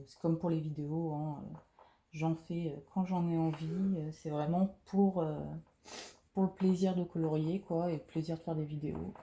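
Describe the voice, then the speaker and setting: A thirty-year-old coloring vlogger chats casually as she colors, her deep voice soft and hesitant and full of fillers. She talks into a phone camera placed right beside her head, and the room gives the recording a noticeable echo.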